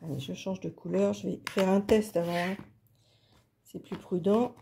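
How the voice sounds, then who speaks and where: A woman's voice: medium pitch, fairly even intonation, normal speed, gravelly, warm tone, slight background noise. A woman hosting a casual craft video, talking through her work in a chatty, hesitant way with many fillers. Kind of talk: casual craft tutorial talk.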